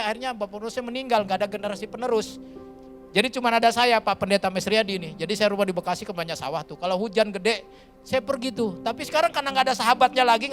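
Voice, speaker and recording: High-voiced pastor telling a lively sermon. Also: male voice. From Kalimantan, Indonesia. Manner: lively, colloquial, keeps addressing the congregation. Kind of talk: storytelling sermon. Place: church.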